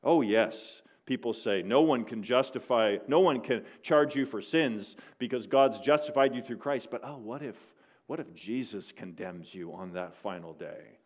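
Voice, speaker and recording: A man preaching a sermon, telling a story that swells loud and then drops to slow, hushed lines. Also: mid-range voice, lo-fi sound.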